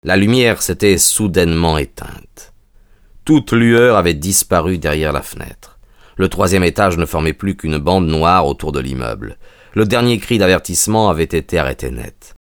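A man narrating an audiobook in a measured storytelling manner. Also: sits low, expressive, no echo, clean studio sound.

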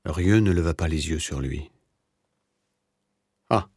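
A man narrating a novel in a measured, literary reading. His voice is extremely deep and husky, recorded dry and close with no room sound. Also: darkish tone, no echo. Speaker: audiobook narrator.

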